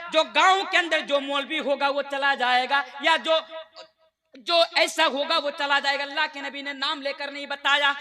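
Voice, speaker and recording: A man in his twenties from India preaching a sermon to a live gathering, declaiming with passion and calling on the crowd to respond. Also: bright, forceful tone. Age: 20s. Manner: impassioned, high-pitched declamation with call-and-response to the crowd.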